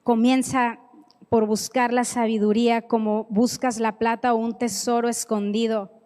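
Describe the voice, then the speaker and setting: A woman's voice: fairly high pitch, level tone, normal speed, darkish tone. A woman preaching a sermon in a church, emphatic and repeating key phrases, with playful asides. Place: church sanctuary. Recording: echoey hall with long reverb.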